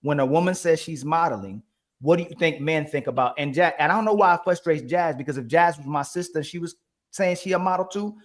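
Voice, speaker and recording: Guy hosting a panel argument, talks super fast, kinda high voice, keeps pushing his point. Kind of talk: heated panel debate.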